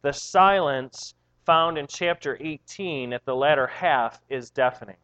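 A man's voice: a little high, measured pace, a bit bright, dull audio. A man preaching a sermon, reading scripture aloud and explaining it with repetition and rising emphasis. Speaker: pastor.

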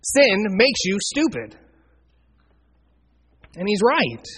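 A man's voice: sits high, wildly swooping pitch, drawn-out words, a bit bright. A man preaching an expository sermon, earnestly explaining and quoting scripture verse by verse. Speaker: pastor.

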